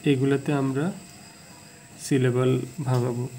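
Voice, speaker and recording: A man teaching English in a casual video lesson, plainly repeating example words slowly. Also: mid-range voice, level tone, mellow, a little hiss or hum, rough recording.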